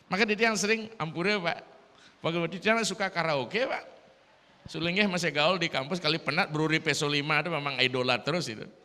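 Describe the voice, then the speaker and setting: In a big hall at a temple gathering, a man preaches a dharma talk, his high, bright voice carrying a Sulawesi accent. His delivery is lively and a little fast, sprinkled with English phrases. A long hall reverb trails his words.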